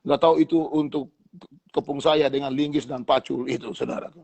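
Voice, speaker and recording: A man's voice: medium pitch, steady tone, a little fast, creaky, darkish tone. A man with a Manado accent, a pastor telling his testimony in an interview and often addressing listeners as brothers.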